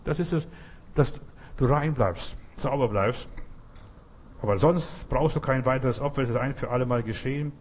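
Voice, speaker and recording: A man preaching a sermon with a slightly husky voice. He talks directly to his listener, earnest and plain, hammering points home in short repeated phrases. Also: medium pitch, moderate pace.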